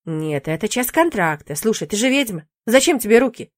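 A woman's voice: on the high side, very animated, fairly quick, dry recording, clean studio sound. A woman voicing a playful, teasing young male demon in an audiobook, in a cheeky, bantering manner.

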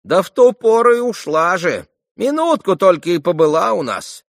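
A man's voice: high-pitched, expressive, normal speed, no echo, clean studio sound, pitched above the performer's own voice. A man voicing an old female servant who talks in a fussy, deferential way. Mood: fussy chatter.

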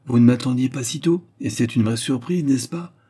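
A man putting on a booming, jovial giant of a hunter. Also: moderate pace, warm tone, breathy edge, lightly acted. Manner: boisterous and hearty.

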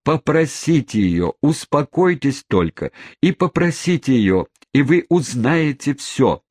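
A man voicing a flustered older English gentleman who pleads desperately, in an audiobook reading. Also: on the low side, sing-song, a little slow, husky, no room sound, clean studio sound, heavily acted. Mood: pleading. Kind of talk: audiobook character voice.

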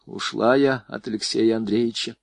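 A man voicing a shy young woman who speaks quietly. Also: mid-range voice, big pitch swings, brisk, dry recording. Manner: quiet and soft.

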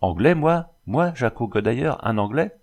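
A man's voice: medium pitch, animated, unhurried, pitched above the performer's own voice. A man reading a boastful, fussy French army dragoon in an audiobook, raising his voice for the role. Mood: brash. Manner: fussy, keeps repeating a title.

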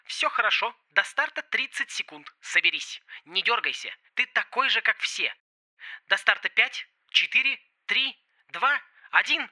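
A man voicing a calm male race engineer in a pilot's headset, speaking in clipped commands. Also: high voice, a little slow, pitched above the performer's own voice, heavily acted. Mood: steady coaching. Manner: clipped commands, steady then urgent.

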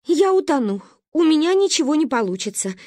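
Frightened, pleading young mom from a storybook, read by a woman, lively and dry-toned. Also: a little high, unhurried, husky, dry recording, pitched above the performer's own voice, exaggerated voice. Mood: fearful. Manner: pleading, fearful. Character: frightened young mother of four.

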